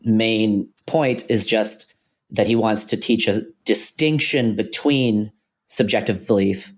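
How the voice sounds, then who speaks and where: A man co-hosting a podcast, talking through ideas in a thoughtful, hesitant way with many pauses and restarts. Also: lowish voice. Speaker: podcast co-host. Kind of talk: casual philosophical conversation.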